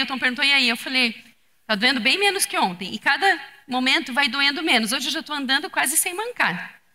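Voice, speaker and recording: A middle-aged woman giving an animated testimony sermon, speaking straight to a church audience. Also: high voice. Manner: animated storytelling, addresses the audience directly. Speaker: speaker at a women's church gathering. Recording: long hall reverb.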